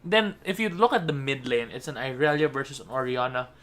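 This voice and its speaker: A man's voice: medium pitch, a little fast, fairly bright tone. A man giving color commentary on an esports match, chatty and teasing his co-caster.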